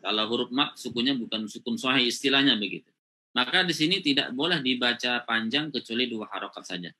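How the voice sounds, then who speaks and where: A man's voice: mid-range voice, fast talker, pushed and bright. A man teaching Quran recitation rules in an online class, explaining step by step with frequent "ya" and "gitu ya" checks.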